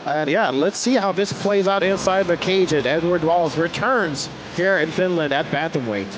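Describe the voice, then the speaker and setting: Male MMA commentator, high-pitched, analytical and conversational, over clear venue noise. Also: moderate pace. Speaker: fight commentator. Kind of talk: sports commentary, pre-fight analysis. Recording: noisy live event background.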